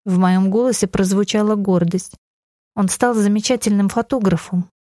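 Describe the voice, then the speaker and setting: A woman's voice: medium pitch, moderate pace, warm tone, no echo, clean studio sound. A woman narrating a novel in the first person, with earnest, emotional delivery. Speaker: audiobook narrator.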